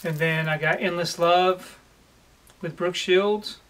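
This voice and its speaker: Higher-voiced man showing off a haul. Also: slight background noise. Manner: relaxed and plain, with frequent "um" pauses. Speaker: collector vlogger. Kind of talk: casual haul video. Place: home room lined with disc shelves, indoors.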